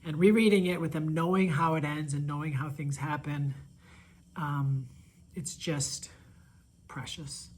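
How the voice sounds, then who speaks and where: A man teacher talking casually and enthusiastically about favorite picture books, gushing with praise and sometimes dropping to a soft near-whisper. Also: fairly high pitch, fairly even intonation, unhurried, long pauses, breathy edge, rough recording. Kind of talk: casual book recommendation video.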